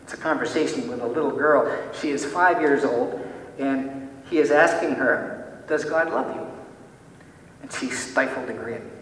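A man preaching a sermon as pastor, posing many rhetorical questions and dropping to soft, quiet tones. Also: normal speed. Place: church sanctuary. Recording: echoey church hall, mic from far off, faint rumble.

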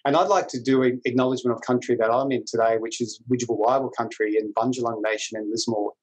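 A man's voice: mid-range voice, steady tone, fast, rough recording. A middle-aged man with an Australian accent, presenting a webinar introduction as moderator in an informal, colloquial way over a video call. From New South Wales, Australia. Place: small indoor office room. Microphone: video call computer microphone.

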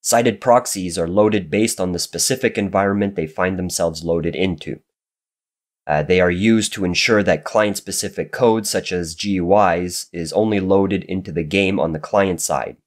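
This coding tutorial, recorded from the screen, is narrated by a man whose deep voice moves at a moderate pace. He sounds somewhat raspy and nasal from getting over a cold, and he walks through the material methodically and evenly.

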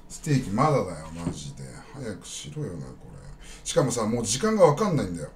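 A man's voice: on the low side, huge pitch swings, quick pace, a little mellow, slight background noise. A man chatting casually on a live stream, rambling bluntly and talking straight to his viewers.

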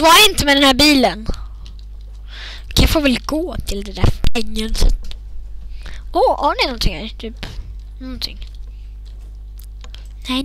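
High, bright-voiced woman gaming host. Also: poor audio. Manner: expressive, dramatic. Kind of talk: gameplay commentary.

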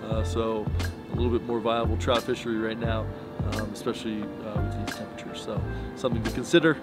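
A man's voice: on the low side, a little fast. Casual man rambling a fishing report outdoors. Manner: relaxed, rambling, many fillers and restarts. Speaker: fly shop owner giving a fishing report. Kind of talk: casual unscripted report to camera. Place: outdoors by pickup trucks in snow. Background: music bed under the talk.

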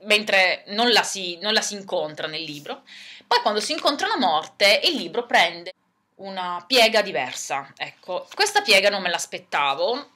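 A woman's voice: mid-range voice, sing-song, a little slow, pushed and bright. Chatty woman reviewing books. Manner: chatty, thinking aloud with fillers. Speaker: book vlogger. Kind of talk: casual book review.

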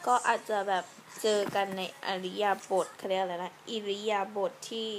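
A woman's voice: medium pitch, steady tone, moderate pace, a little hiss or hum. A young woman, a beauty vlogger, chatting casually and rambling, lying in bed at home at night and talking close to a phone camera. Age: young adult. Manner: chatty, rambling, self-correcting. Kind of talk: casual vlog chat.

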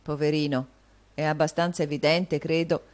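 A woman reading an audiobook, voicing a proud, quick-tempered young man who speaks earnestly. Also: low voice, flat delivery, darkish tone, lightly acted. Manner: earnest, scornful at times.

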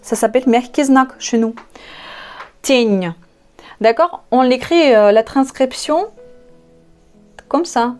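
Russian-accented woman teacher, higher voice, unhurried, spells and repeats words, soft music under her. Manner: slow and patient, spells out letters and repeats each word. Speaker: language teacher. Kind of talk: online language lesson.

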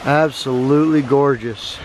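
A thru-hiker vlogger holds his camera at arm's length and chats casually on a wooded mountain trail, sounding tired and talking in an easygoing, folksy way. His medium-pitched voice is steady and measured, with background noise around him.

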